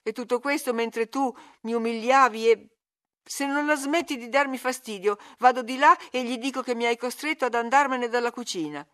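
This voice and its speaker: A woman's voice: a little high, normal speed, fairly bright tone, voice pushed up, natural voice. Woman doing a growling sullen young man. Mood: surly. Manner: growling, scornful, clipped. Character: surly, sullen young man, rough farmhand.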